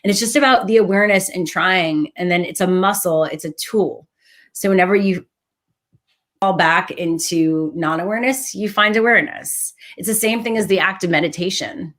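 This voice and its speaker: A woman with a fairly low voice chats in a casual, reflective way. She explains herself earnestly and with animation, as if in an easy conversation. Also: moderate pace, a bit bright. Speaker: talk host.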